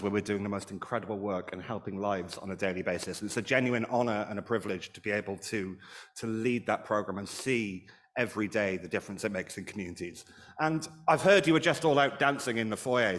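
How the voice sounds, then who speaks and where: A man chairing a panel at a live event, upbeat and gently self-deprecating as he introduces the speakers. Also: fairly low pitch. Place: large event hall with an audience. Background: audience murmur.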